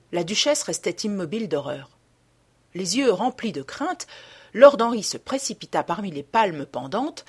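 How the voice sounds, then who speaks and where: A woman narrating a classic novel as an audiobook, in an expressive storytelling manner. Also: medium pitch, breathy edge. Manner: expressive storytelling, hushed tags. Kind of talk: scripted narration.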